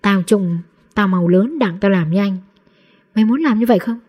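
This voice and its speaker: A woman's voice: mid-range voice, moderate pace, husky, muffled recording, lightly acted. A woman voicing a scrappy, hungry street boy who talks back rudely, as part of an audiobook reading. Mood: confiding. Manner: cheeky, rude back-talk.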